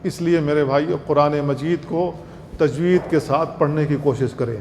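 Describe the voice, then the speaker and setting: High-voiced man giving a religious lecture. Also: a little mellow. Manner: earnest, instructive, repeats points, demonstrates recitation slowly. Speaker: Islamic scholar, lecturer. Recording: long hall reverb, faint noise.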